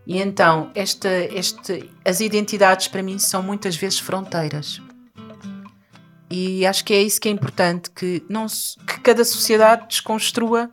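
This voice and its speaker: Animated woman. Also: medium pitch, normal speed, faint music behind. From Portugal. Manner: animated, with frequent restarts and laughs. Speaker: guest. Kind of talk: conversational discussion.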